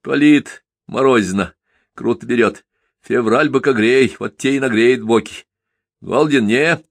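A man voicing a gruff peasant carter who grumbles, scolds and shouts in anger. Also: medium pitch, measured pace, dry recording. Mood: grumbling. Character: gruff bearded peasant carter, suspicious and quick-tempered.

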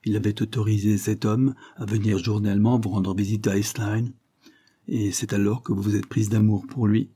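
A man voicing a stern, blunt older earl who questions pointedly, in a husky voice. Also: on the low side, flat delivery, normal speed, dark tone. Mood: stern, probing. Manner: pointed, questioning, rising emphasis.

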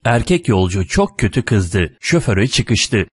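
A man reading a humorous short story aloud as narrator, in a lively, animated manner. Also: fairly low pitch, a little slow, husky, dry recording, clean studio sound.

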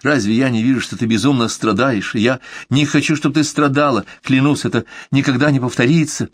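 A man voicing an anxious young man who earnestly pleads with his lover, speaking in a raised pitch. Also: brisk, dry recording, natural voice. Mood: soothing. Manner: earnest, imploring.

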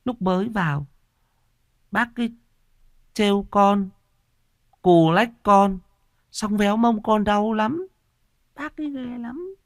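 A man's voice: high-pitched, takes it slowly, long pauses, no room sound, studio quality, voice pushed up. A lisping little toddler boy. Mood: insistent. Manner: lisping, babbling child speech. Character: small toddler boy, lisping baby talk.

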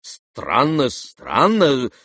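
A man's voice: mid-range voice, huge pitch swings, drawn-out words, sharp tone, dry recording, clean studio sound, pitched above the performer's own voice, heavily acted. A man doing a flustered stammering old general. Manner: agitated, stammering, pleading. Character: flustered middle-aged general, family father.

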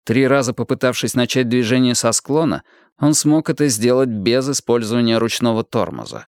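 A man reading a thriller audiobook in a steady, even storytelling manner. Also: medium pitch, moderate pace, no echo, studio quality. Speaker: audiobook narrator. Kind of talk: scripted narration.

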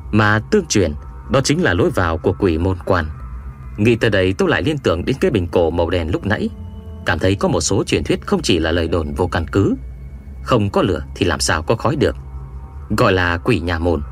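Deep-voiced male storyteller. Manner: storytelling, measured and expressive. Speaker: audiobook narrator. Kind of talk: scripted first-person narration.

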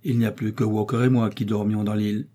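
A man voicing a burly, gruff but cordial male doctor who speaks in a confiding way, in an audiobook reading. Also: lowish voice, level tone, quick pace, mellow, natural voice. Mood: grave.

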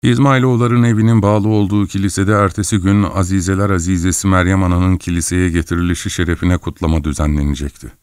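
A man narrating a classic novel as an audiobook in a steady, measured reading. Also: low voice, clear, resonant tone, dry recording, studio quality. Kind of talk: scripted narration.

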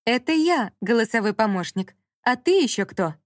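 A woman's voice: on the high side, animated, normal speed, no room sound, studio quality, natural voice. A woman doing a snide rude smart-speaker assistant.

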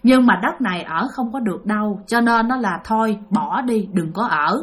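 A woman's voice: medium pitch, normal speed, close to an everyday voice. A woman voicing a grave Buddhist monk who speaks a solemn warning.

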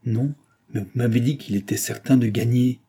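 A man voicing a desperate, bitter brewery clerk who talks hoarsely and accuses in near-hysterical outbursts. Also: medium pitch, fairly even intonation, normal speed, mellow. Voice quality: hoarse, breathless.

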